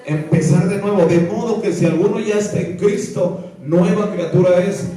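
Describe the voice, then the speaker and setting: Man, Mexican Spanish accent, impassioned church preacher, very dark mellow tone, echoey hall from a distance. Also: high-pitched, moderate pace. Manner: impassioned, sings hymn lines, acts out quoted voices. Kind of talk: sermon.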